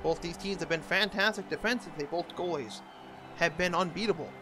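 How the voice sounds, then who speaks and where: A man's voice: on the high side, fairly quick, over music. A man doing an amateur announcer impression, giving hockey play-by-play commentary in short clipped phrases. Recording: clearly noisy, ambient background noise.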